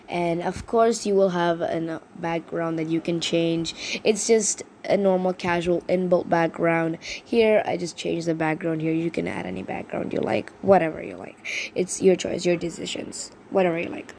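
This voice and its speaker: A woman in a casual vlog, her voice a little rough from being sick, chatting in a rambling way and correcting herself. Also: lowish voice, fairly even intonation, a little slow, a little mellow, slight background noise. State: slightly sick voice. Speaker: vlogger presenting an invented world.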